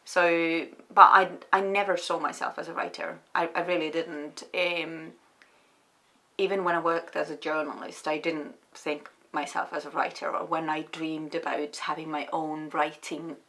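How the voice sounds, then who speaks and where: A woman from Estonia, a writer answering interview questions in a reflective, hesitant way with many pauses and restarts. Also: low-pitched, flat delivery, bright, forceful tone.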